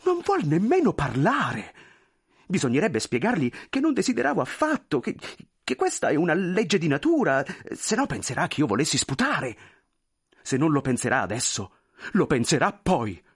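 A man's voice: on the high side, sing-song, normal speed, slightly rough, no echo, studio quality, voice pushed up, exaggerated voice. A man voicing an anxious, fawning male clerk who stammers and pleads fussily. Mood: fretful.

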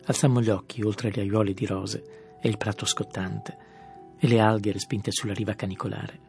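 A man reads a literary audiobook in a low, measured voice, often dropping soft and quiet. Gentle music plays faintly beneath his narration. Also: level tone, creaky.

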